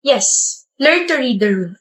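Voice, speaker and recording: A woman's voice: fairly high pitch, animated, takes it slowly, a bit bright. A woman playing a blunt, proud student. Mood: lecturing. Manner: cool, blunt, lecturing. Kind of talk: comedy skit acting.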